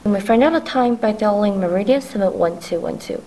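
A woman acting a formal telephone information operator in a vintage radio drama. Her voice is medium-pitched, polite and official. There is clear noise in the recording. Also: animated, brisk, dark tone, lightly acted. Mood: polite, businesslike. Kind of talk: 1940s radio play acting. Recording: noisy stage recording.

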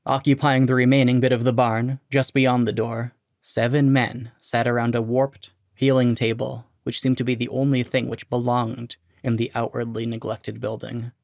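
A man narrating a short story in a steady, even storytelling delivery. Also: medium pitch, creaky, dry recording, studio quality.

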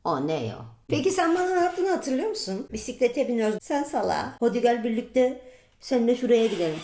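A woman with a fairly high voice tells funny stories in a relaxed, chatty vlog. She talks crudely and laughs a lot. The sound carries a roomy echo. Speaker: vlogger. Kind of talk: casual storytelling vlog.

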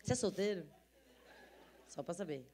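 A woman's voice: lowish voice, expressive, moderate pace, warm tone, some chatter behind. A middle-aged woman, an interview guest telling a story with lots of energy, acting out voices and laughing often. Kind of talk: animated storytelling.

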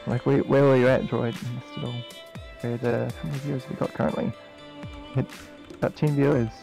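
A man co-hosting a casual podcast stream, chatting excitedly while watching a game, laughing and repeating himself often. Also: medium pitch, a little fast, vocal fry, faint music behind, poor audio. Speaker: podcast co-host.

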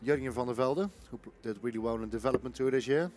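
A man's voice: mid-range voice, fast. A man giving chatty live commentary on darts as one of two commentators. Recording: faint venue noise behind.

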